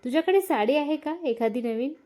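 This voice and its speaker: A stern, caring middle-aged uncle, as a woman narrator reads his lines. He speaks firmly and scolds, in a mellow, slightly high voice. Part of a family story read aloud. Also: lively intonation, brisk. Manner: firm, scolding, rising to a shout.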